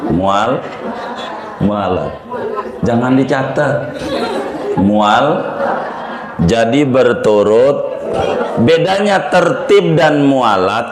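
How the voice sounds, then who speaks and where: A man from Banten, an Islamic cleric giving a chatty, joking religious lesson to a live audience. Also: mid-range voice. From Banten, Indonesia. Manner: jokey, chatty, repeats "begitu", chuckles often. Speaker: Islamic cleric teaching a study group. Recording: roomy hall recording with crowd.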